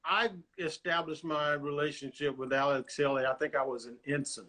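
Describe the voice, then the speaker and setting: An older man from the US, a retired officer, recalling his career in a measured, proud way during a family chat. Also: on the high side, fairly even intonation, bright, forceful tone. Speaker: guest, retired Coast Guard officer.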